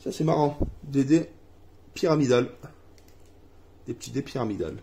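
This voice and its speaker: A man's voice: medium pitch, normal speed, mellow, slight background noise. A man from France casually unboxing a family board game at home, reading cards aloud and laughing at his own English accent.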